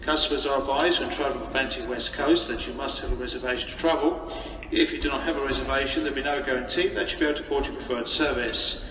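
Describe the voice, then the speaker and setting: Echoing man making a station announcement. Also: medium pitch. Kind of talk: live station public address announcement, airport announcement manner. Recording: echoey station tannoy, distant, noisy concourse.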